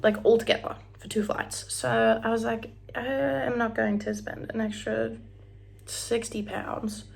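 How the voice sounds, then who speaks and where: A young Australian beauty vlogger chats and rambles casually at home while doing her hair and makeup, in a get-ready-with-me style. Her voice is a little high and flat, with vocal fry and a measured pace. She sings snatches of songs and sometimes drops into a whisper.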